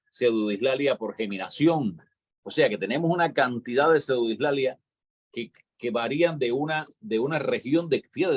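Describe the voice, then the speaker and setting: A man with a Cuban accent, talking in a casual show conversation and explaining at length, often checking in with "¿entiendes?". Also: mid-range voice. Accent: Cuban Spanish. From Cuba. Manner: lecturing, explanatory, peppers talk with "¿entiendes?".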